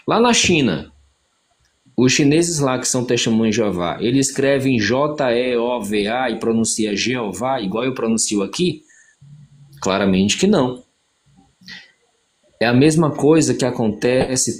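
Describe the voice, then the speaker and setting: Emphatic Brazilian man debating. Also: medium pitch. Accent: Brazilian Portuguese. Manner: explanatory, emphatic, stretches key words. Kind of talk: live online debate argument.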